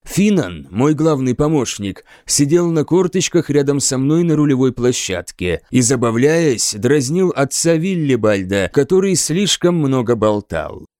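A man narrating a first-person audiobook with measured storytelling and a dry, ironic edge. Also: mid-range voice, big pitch swings, a little mellow, no echo.

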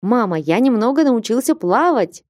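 A woman voicing a boy who swings from eager chatter to outraged shouting, in a high voice for an audiobook. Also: very animated, normal speed, no room sound, studio quality. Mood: excited. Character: excitable boy, then furious anguished teen.

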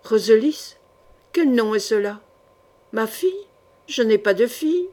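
Une femme jouant une femme aux cheveux blancs, obstinée. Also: female voice, a little high, lively intonation, unhurried, mellow. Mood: denying. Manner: grave, dull denial. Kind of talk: audiobook character reading.

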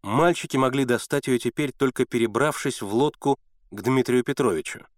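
A man reading a story aloud as an audiobook narrator, in steady scripted narration. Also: medium pitch, fairly quick, no echo, clean studio sound.

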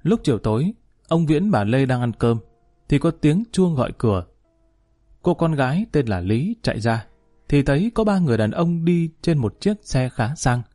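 A man narrating a story in an even, storytelling manner. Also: a little high, normal speed, faint music behind.

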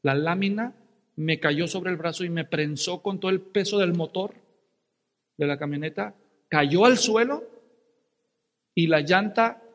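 Dramatic preacher in a reverberant hall. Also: male voice, fairly high pitch. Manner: dramatic storyteller, shouting and whispering for effect. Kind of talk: sermon with personal story.

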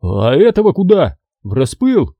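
A man's voice: a little high, wildly swooping pitch, normal speed, mellow, no room sound, voice pushed up, full character voice. A man voicing a crude, mocking soldier in an audiobook, with coarse, jeering speech.

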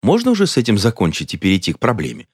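A man's voice: on the low side, huge pitch swings, rapid-fire, husky, no echo, studio quality, pitched above the performer's own voice, heavily acted. A man voicing an impatient, bossy churchgoing woman who speaks curtly. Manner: curt, impatient.

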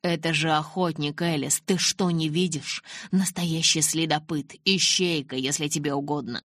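Brief: female narrator playing a commanding angry young man, low husky voice, audiobook. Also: fairly even intonation, normal speed, fairly bright tone, no room sound, clean studio sound. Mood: tense. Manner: curt, snapping, barking.

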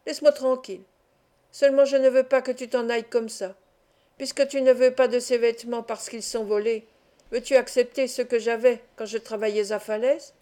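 A woman's voice: a little high, fairly even intonation, normal speed, dark tone, lightly acted. A woman reading the part of a bitter, scornful young male thief in an audiobook. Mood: amer. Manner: angry reproachful.

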